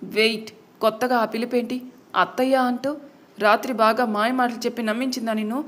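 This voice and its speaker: A woman's voice: on the high side, steady tone, a little fast, a bit bright, natural voice. A woman voicing a resentful young man who speaks coldly. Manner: cold, resentful.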